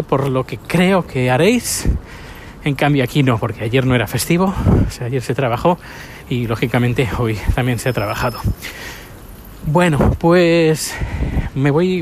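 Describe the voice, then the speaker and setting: Chatty Spanish man walking down a street. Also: fairly high pitch. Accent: Spain Spanish. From Spain. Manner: chatty, rambling, with frequent restarts. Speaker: podcast host. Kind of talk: casual spoken diary. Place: outdoors on a city street, walking. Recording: street noise while walking.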